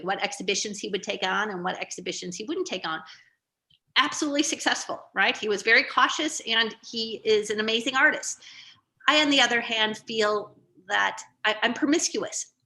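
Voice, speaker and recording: A woman's voice: mid-range voice, bright, forceful tone. A middle-aged woman giving an artist talk over a video call, rambling and hesitant with many fillers. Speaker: guest artist.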